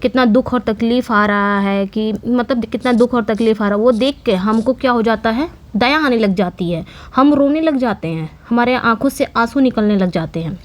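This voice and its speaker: A woman gives an online literature lesson in a fairly high voice. She explains each term patiently, repeats key points, and poses questions she then answers herself. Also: normal speed, few pauses. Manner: explanatory, repetitive, asks and answers own questions. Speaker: English literature teacher. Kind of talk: online lecture in Hindi mixed with English terms.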